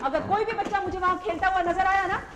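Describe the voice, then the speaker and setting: A strict, scolding aunt keeps the children in line with sharp, emphatic words. Her voice sits very high. The recording has the heavy hiss of an old 1990s TV tape. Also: fairly even intonation, quick pace. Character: strict, scolding woman minding mischievous kids. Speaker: mother figure in a sitcom. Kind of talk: 1990s TV sitcom acting.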